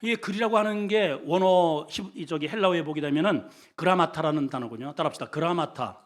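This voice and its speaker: A male senior pastor preaching a sermon, asking the congregation questions, with sudden loud bursts and quiet low asides. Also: fairly quick. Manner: shouts often in his preaching; asks the congregation questions and has them repeat words.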